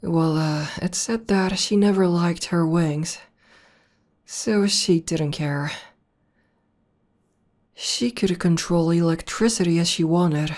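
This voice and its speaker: An ASMR roleplay voice actress performs a buff tomboy demoness girlfriend, a proud battle legend who is calmly affectionate. Her voice is low, slow and mellow, calm and reminiscing, conversational and unhurried with hesitant pauses, in a slow, intimate ASMR roleplay.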